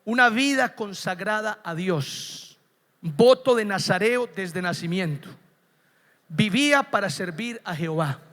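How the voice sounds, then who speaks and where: A man preaching a sermon as pastor, emphatic, dropping soft and then rising to shouts. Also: high-pitched, expressive, unhurried. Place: church. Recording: long church reverb.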